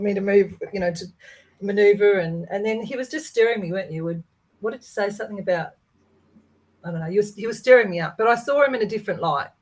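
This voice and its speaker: A woman telling a personal story in a casual chat, animated and full of restarts. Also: medium pitch, poor audio. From Hungarian and Yugoslav background. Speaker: guest.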